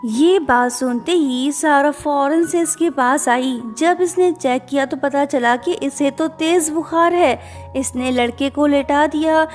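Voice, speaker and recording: High-voiced woman recapping a drama. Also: slow, darkish tone. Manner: conversational, mixes English words into Hindi. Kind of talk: casual storytelling narration. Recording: reverberant with background music.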